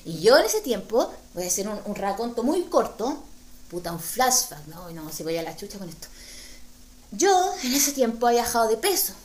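A woman with a Chilean accent telling a comic story, slangy and animated, acting out the voices in her tale. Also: a little high, moderate pace, roomy sound, a little hiss or hum. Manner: animated, slangy, acts out dialogue. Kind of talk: stand-up storytelling.

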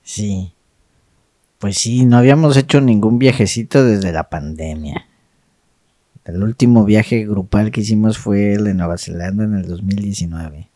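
A man's voice: on the low side, unhurried, mellow, no echo, studio quality. A man co-hosting a podcast, chatting reflectively in a meandering way that often seeks agreement. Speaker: podcast co-host. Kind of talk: casual, reflective chat.

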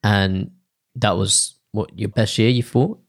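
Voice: low-pitched, steady tone, takes it slowly. An interviewer chatting casually and asking informal questions. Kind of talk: casual chat.

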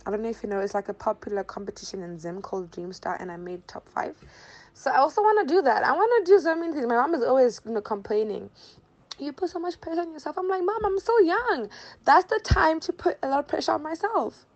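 This young Zimbabwean woman, in her early twenties, talks fast in a high, lively voice as a relaxed interview guest. She tends to repeat phrases for emphasis, and the audio sounds dull.

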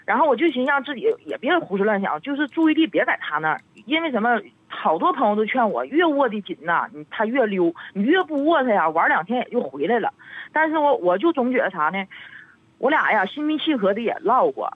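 Caller: thirties, Northeastern woman, husky, high-pitched, heated storyteller; thin dry phone audio. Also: very animated, dry recording. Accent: Northeastern Mandarin. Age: 30s. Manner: rapid, heated storytelling, acting out both sides of arguments. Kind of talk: phone-in advice call. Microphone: telephone. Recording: tinny dry phone line.

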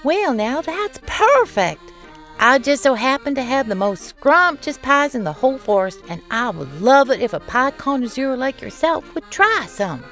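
A feisty cartoon pie baker speaks in a high, lively voice. She is huffy and quick to threaten, swooping widely in pitch. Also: faint music behind, exaggerated voice. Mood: sweet. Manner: huffy and combative. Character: feisty female pie baker with poor eyesight. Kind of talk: cartoon voice acting.

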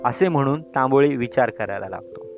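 A man narrating a story in a slow, measured reading. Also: mid-range voice, animated. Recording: dull lo-fi sound with faint music.

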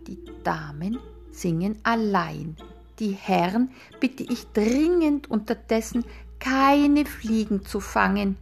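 A woman's voice: mid-range voice, slow, gravelly, faint music behind. A woman voicing a pompous male frog conductor who gives fussy orders to his orchestra, for a storybook fable. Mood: instructing.

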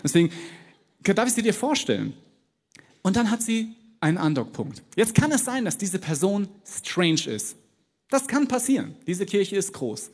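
A man's voice: sits high, a little mellow. A man preaching a sermon in a large church, in a casual, conversational way that slips into little acted dialogues. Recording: long reverb of a large church.

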